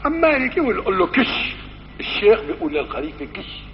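Speaking fast and very animatedly in a high register, a man with a Syrian Arabic accent delivers a religious lesson full of stories, performing the characters' lines in different voices. It's an old, muffled recording from a reverberant hall with slight background noise.

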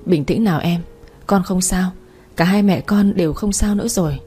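A woman voicing a gentle, caring young husband in a romance audiobook, with a soft, soothing delivery. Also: fairly low pitch, normal speed, slightly rough, soft background music. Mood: tender.

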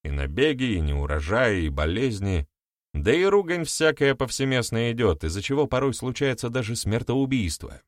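A man narrating an audiobook in an expressive storytelling manner. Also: mid-range voice, moderate pace, dry recording, studio quality. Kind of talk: scripted narration.

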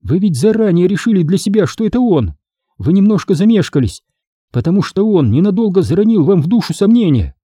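A woman's voice: lowish voice, sing-song, a little fast, mellow, breathy edge, dry recording, studio quality, pitched above the performer's own voice. A man voicing a fierce, loyal young woman in an audiobook, pleading and scornful by turns. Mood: heated. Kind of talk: audiobook character voice.

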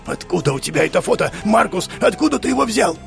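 Audiobook: man voicing a weary, grieving old father. Rough, gravelly, slightly raised pitch. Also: sing-song, fast talker, fairly bright tone, faint music behind, full character voice. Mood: shaken.

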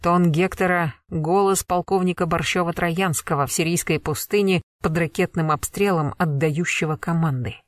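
Steady audiobook narrator, dry sound. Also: medium pitch, moderate pace, few pauses, no echo. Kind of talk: scripted narration.

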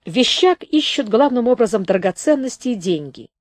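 Woman audiobook narrator, animated pitch, dry close studio sound. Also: moderate pace, no echo. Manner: expressive, varied reading.

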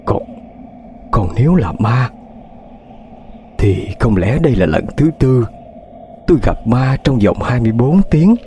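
A man's voice: mid-range voice, big pitch swings, moderate pace, warm tone, a little hiss or hum. A man narrating a ghost story in a tense, dramatic way, with hesitations.

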